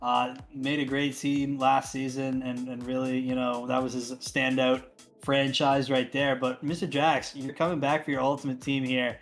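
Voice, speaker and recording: A man's voice: medium pitch, flat delivery, moderate pace, faint music behind. A man co-hosting an esports draft stream, talking casually and upbeat with lots of fillers. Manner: upbeat, rambling with many fillers. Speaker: draft co-host.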